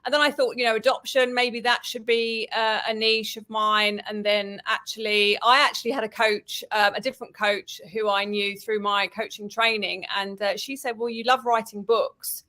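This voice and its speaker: A woman talks casually as an interview guest, starting sentences over and laughing between thoughts. Her voice sits a bit high and comes across bright and forward. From southern England. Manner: chatty, laughs often, repeats words as she goes. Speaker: author and writing coach, guest.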